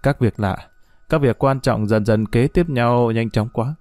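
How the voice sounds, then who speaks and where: A man reading a sharp, intense young detective. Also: medium pitch, unhurried, no echo, natural voice. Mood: brooding.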